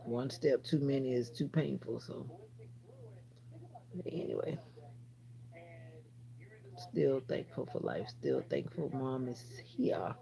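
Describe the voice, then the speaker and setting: A woman's voice: a bass voice, big pitch swings, slow, vocal fry, long pauses, mellow. A woman hosting a casual livestream from her phone, chatting straight to viewers and answering their comments with rambling asides. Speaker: livestream host.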